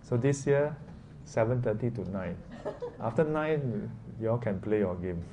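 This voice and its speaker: In this informal interactive lesson, a man with a Singaporean or Malaysian accent talks to his class conversationally, frequently throwing in brief questions with local particles. He speaks unhurriedly at a medium pitch with lively intonation. The room around him is clearly noisy.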